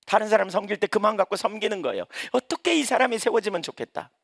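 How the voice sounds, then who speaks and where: A man's voice: sits high, expressive, fast talker, creaky, a bit bright, dry recording, clean studio sound. A male pastor preaching a sermon in a conversational way, asking the congregation questions as he goes.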